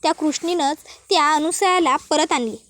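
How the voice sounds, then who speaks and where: Brief: woman voicing a defiant older village matriarch, high-pitched, scolding rustic speech. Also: moderate pace, fairly bright tone, dry recording. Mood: bitter.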